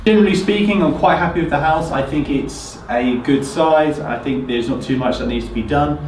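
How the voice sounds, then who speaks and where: A man in his thirties from the UK talks his way through a bare, empty house in a relaxed, thinking-aloud manner, filling his pauses with ums. The hard rooms ring with echo, and the camera mic sits a step or two away from him. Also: fairly high pitch, slight background noise. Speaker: property renovator. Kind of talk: casual walkthrough vlog. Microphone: camera mic at a distance. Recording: echoey empty rooms, slightly distant mic.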